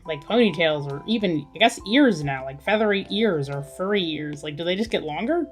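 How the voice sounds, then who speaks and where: Music plays as this artist draws on her livestream, casually thinking out loud. She speaks at normal speed in a fairly low voice with lively intonation.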